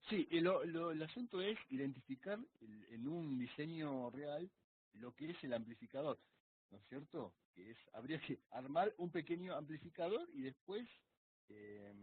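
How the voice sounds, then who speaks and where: A man's voice: on the high side, big pitch swings, normal speed, slight background noise. A man asking questions as a student in a live online class, hesitant and searching for words. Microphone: video call. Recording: tinny video call audio.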